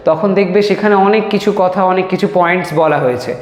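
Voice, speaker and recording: A man teaching a spoken English lesson, explaining each sentence, then reading the examples out slowly and drawing them out. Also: high voice. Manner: slow, drawn-out dictation of example sentences. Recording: echoey room with long reverb.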